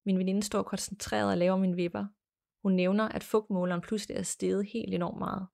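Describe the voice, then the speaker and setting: A woman hosting a podcast, reading a listener's ghost story aloud in a measured, plain storytelling manner. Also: mid-range voice, flat delivery, creaky, darkish tone. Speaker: podcast host.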